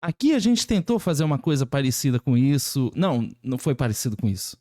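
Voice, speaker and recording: A man's voice: medium pitch, lively intonation, very fast, warm tone, no echo. Brazilian-accented male reaction host, casual and impressed, repetitive phrasing, dry recording. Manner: impressed, repeats himself.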